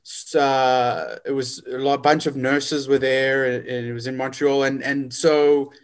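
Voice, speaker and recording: A man's voice: medium pitch, little pitch movement, unhurried, smooth. A forty-year-old man being interviewed, talking in a hesitant way with many fillers. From South Africa. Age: 40s. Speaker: guest. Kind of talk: casual interview.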